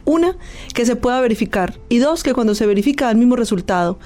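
Earnest high-voiced woman guest. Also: lively intonation, fast talker, darkish tone. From Colombia. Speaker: guest, clinical hypnosis expert. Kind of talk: explanatory interview talk. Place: studio booth.

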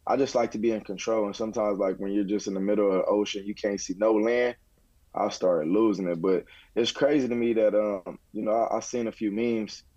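A man chatting casually as a podcast contributor, halting and repeating words in a laid-back way. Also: fairly low pitch, steady tone, a little mellow, no echo, highs cut off. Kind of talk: casual chat.

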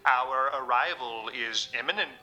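A devout, sermonizing husband, played by a man with a very bright, tense voice. He talks in stately, formal phrases, as if he is always in the pulpit. It sounds like an audio drama. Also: medium pitch, unhurried, dull audio. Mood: solemn.

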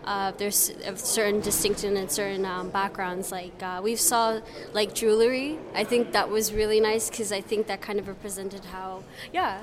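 A young Canadian woman, a festival visitor being interviewed, answers questions hesitantly and casually with lots of ums and uhs. Her mid-range voice is steady, at normal speed with few pauses, amid crowd chatter at the festival.

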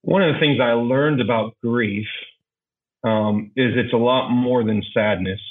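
A man as a podcast guest, talking reflectively and haltingly, often restarting as he searches for words. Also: medium pitch. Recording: tinny phone-like line.

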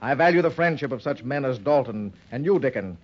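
An actor playing an earnest, formal, well-spoken gentleman on a sea adventure in an old-time radio serial. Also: medium pitch, animated, a little fast, close to an everyday voice. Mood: sincere. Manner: earnest, formal, free of sailor slang. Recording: dull lo-fi old radio recording.

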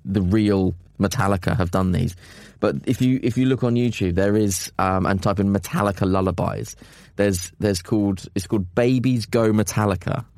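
A man's voice: lowish voice, normal speed, darkish tone, no room sound, clean studio sound. A British man chatting casually and wryly as a podcast co-host. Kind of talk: casual chat.

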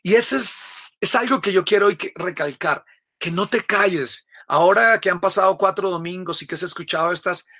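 A man's voice: high-pitched, brisk, pushed and bright. A man giving an earnest, storytelling sermon and speaking straight to the listener. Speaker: preacher. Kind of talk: sermon-like spiritual reflection.

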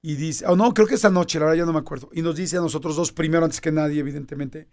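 A Mexican man in his fifties telling a personal story in casual conversation, animated and acting out quoted dialogue. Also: fairly high pitch, quick pace.

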